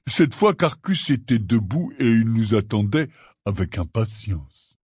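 A man reading the part of a huge, gruff but kindly half-giant gamekeeper in an audiobook, telling his tale in a rambling, earnest way. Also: fairly low pitch, sing-song, measured pace, darkish tone, dry recording, clean studio sound, full character voice. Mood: rueful.

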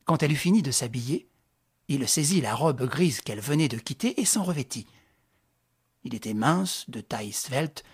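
A reader narrating a classic novel as an audiobook, in even, measured storytelling. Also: mid-range voice, breathy edge.

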